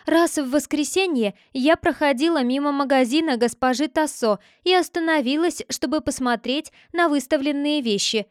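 A bold fairy-tale girl testifies in a firm, confident voice, as a woman reads her part. The voice is high, with a dry, close sound. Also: normal speed, hardly any pauses, dry recording, natural voice.

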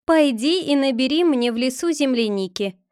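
A woman's voice: sits high, expressive, moderate pace, smooth, dry recording, studio quality. A woman voicing a spiteful, bossy young sister who speaks with contempt in a read-aloud fairy tale. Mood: contemptuous. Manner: contemptuous, shouting.

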